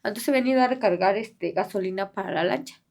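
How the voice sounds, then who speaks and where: A middle-aged woman speaking in a halting, soft-spoken way, with many fillers and restarts, as a bereaved mother giving an interview. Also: medium pitch, creaky. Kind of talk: personal testimony in an interview.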